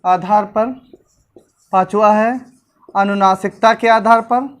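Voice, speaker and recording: A woman's voice: medium pitch, fairly even intonation, slow pace. A woman teacher giving an exam-prep lecture, repeating points and asking questions that she answers herself. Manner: repetitive drilling, asks and answers own questions.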